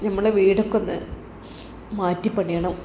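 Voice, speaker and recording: A woman voicing an adult son living far from home, who talks softly and reassuringly to his mother. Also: medium pitch, steady tone, moderate pace, natural voice. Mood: subdued. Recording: roomy with faint background noise.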